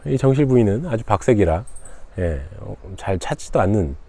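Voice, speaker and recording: A man from Jeju, a channel host, casually retelling a folktale outdoors in a relaxed, conversational way. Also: fairly low pitch, normal speed. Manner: relaxed, conversational, frequent fillers.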